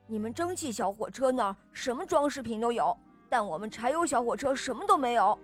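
A woman's voice: on the high side, lively intonation, brisk, soft background music, natural voice. A woman doing a sulky diesel engine. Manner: grumbling, then mumbling apologies.

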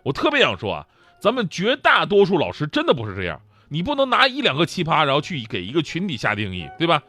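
A man's voice: on the high side, sharp tone. A man performing a stand-up comedy monologue, telling stories with acted-out quotes and rhetorical questions. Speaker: talk show comedian.

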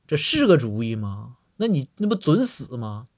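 A man's voice: medium pitch, big pitch swings, moderate pace. A man voicing a sardonic older adviser who mocks with scorn. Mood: mocking. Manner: mocking and scornful.

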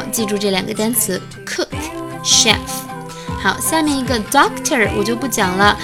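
Brief: woman English tutor, fairly high voice, patient explainer, music bed underneath. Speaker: English teacher. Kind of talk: casual spoken lesson.

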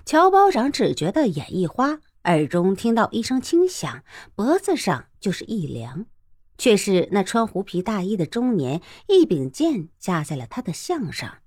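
A woman narrating a storybook novel in a lively, expressive way. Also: medium pitch, normal speed, dry recording, clean studio sound. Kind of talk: audiobook storytelling.

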